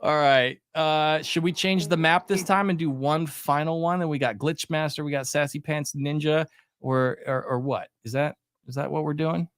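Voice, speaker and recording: A man's voice: on the high side, normal speed, a bit bright, no room sound, clean studio sound. A man hosting a live stream, chatting casually and laughing at himself. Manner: laid-back, self-mocking, laughs often. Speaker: stream host.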